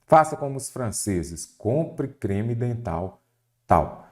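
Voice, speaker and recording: A man with a Brazilian Portuguese accent teaching an online exam-prep lesson, animated and asking rhetorical questions. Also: slow. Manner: animated, lively pitch swings, rhetorical questions.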